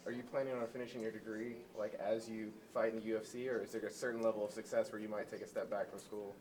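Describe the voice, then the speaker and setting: Fast-talking low-voiced male reporter. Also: little pitch movement, darkish tone. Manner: long, direct questions. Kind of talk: press scrum questioning. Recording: distant mic with crowd noise.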